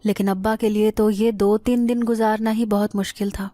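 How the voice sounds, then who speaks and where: A woman narrating a scripted first-person horror story in a steady, dramatic manner. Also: mid-range voice, no room sound.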